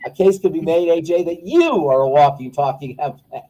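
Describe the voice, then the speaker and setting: A man's voice: on the high side, animated, a little fast, warm tone, poor audio. Blunt, opinionated pharmacist man. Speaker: pharmacist guest. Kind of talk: casual radio show chat.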